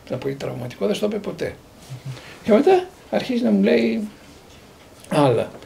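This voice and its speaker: A man in his sixties from Greece, a priest and theologian, tells his own stories in a fairly high voice that rises and falls a great deal. A gravelly rasp runs through his speech. He quotes the people in his stories and often repeats words as he builds to a point. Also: slight background noise. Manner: lively storyteller who quotes others and repeats words. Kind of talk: recounting personal memories.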